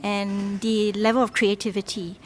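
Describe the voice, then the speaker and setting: A woman from Singapore answering interview questions as an advertising judge, speaking deliberately and pausing often with fillers. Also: mid-range voice, flat delivery. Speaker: advertising institute vice president, judge.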